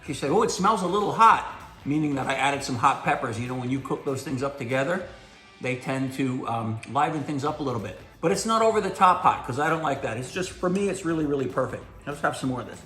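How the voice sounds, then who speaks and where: A man's voice: medium pitch, lively intonation, quick pace, fairly bright tone, reverberant, faint music behind. A middle-aged man hosting a casual vlog, tasting a meal he cooked, with a folksy, enthusiastic manner. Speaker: host.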